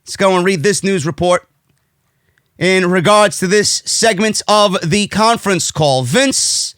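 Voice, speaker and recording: Recorded cleanly in a studio with no room sound, a New York–accented man from the United States speaks in a high, fairly bright voice. He's an opinionated wrestling commentator launching into a brash, indignant, profane rant, pounding each point with emphasis.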